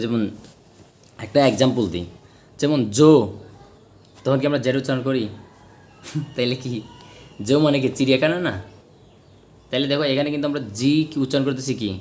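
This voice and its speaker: A man's voice: mid-range voice, steady tone, fairly quick, pauses often, a little mellow. A man teaching English grammar, explaining step by step and answering his own questions. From Bangladesh. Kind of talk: spoken grammar lesson.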